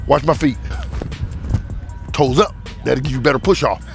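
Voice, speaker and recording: A man's voice: medium pitch, normal speed, gravelly, faint music behind. A man in his fifties who coaches athletes, calling out footwork drills and counting beats in an upbeat, instructive way. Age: 50s. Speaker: speed coach.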